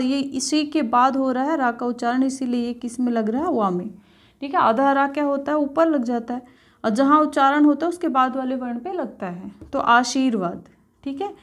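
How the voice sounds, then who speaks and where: A woman teacher giving an exam-prep spelling lesson, explaining patiently, repeating each word and checking in with her students often. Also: sits high.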